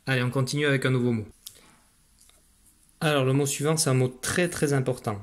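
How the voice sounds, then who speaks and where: A man's voice: mid-range voice, fairly even intonation, brisk. Patient male teacher coaching a child. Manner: patient, encouraging, addresses the child directly. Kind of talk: phonics lesson for young children.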